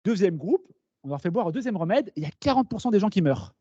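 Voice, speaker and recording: Guy giving a talk, lots of asides and questions to the room, highish voice, dull lo-fi meeting recording. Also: fast talker, slightly rough, dry recording. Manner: lively, explains with asides and questions to the audience. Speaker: speaker at a talk. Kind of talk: conference talk to students.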